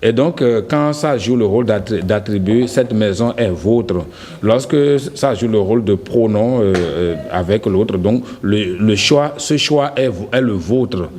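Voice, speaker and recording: A man on a morning TV show, explaining French pronunciation slowly and carefully, repeating his example phrases. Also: on the low side, darkish tone. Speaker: French language expert guest.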